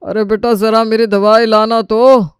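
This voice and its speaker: A woman's voice: on the high side, flat delivery, measured pace, clean tone, dry recording, studio quality, lightly acted. A woman voicing a stern older father-in-law in a cartoon story, scolding in a fatherly way. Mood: asking.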